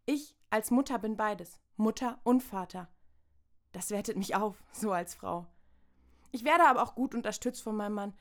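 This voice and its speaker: A woman's voice: mid-range voice, moderate pace. A woman from Saxony-Anhalt in a satirical stage monologue, prim and self-important, lecturing. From Saxony-Anhalt, Germany.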